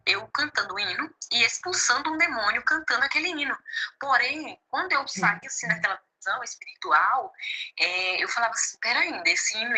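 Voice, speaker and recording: A Brazilian woman, a gospel singer and preacher, telling her testimony in an interview with lively storytelling, often quoting what others said to her. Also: a little high, rough recording. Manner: lively storytelling, quotes others, laughs easily.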